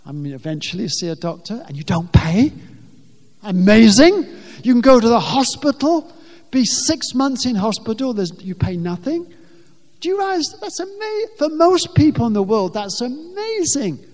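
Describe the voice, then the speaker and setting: Brief: male preacher, high voice, emphatic, repeats words for weight, long hall echo. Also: very animated, a little slow, darkish tone. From England. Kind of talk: sermon. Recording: long reverb of a large hall.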